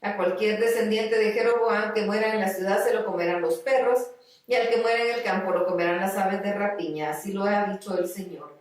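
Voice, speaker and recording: A woman's voice: mid-range voice, steady tone, a little fast, close to an everyday voice. Stern old blind prophet, read by a woman. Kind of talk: scripture reading. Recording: very echoey room, far from mic.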